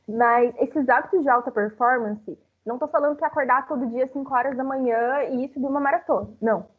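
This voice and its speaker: A woman's voice: high voice, fast, husky. Chatty young woman, phone-like sound. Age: 20s. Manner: chatty, addresses the audience directly. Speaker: speaker. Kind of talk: live talk to an audience.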